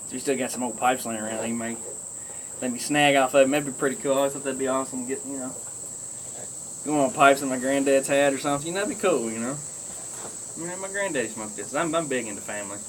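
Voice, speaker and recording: In a mid-range voice that moves fast, a rural Kentuckian rambles folksily to his audience while smoking his pipe. His Southern drawl comes through a rough recording with a little hiss or hum.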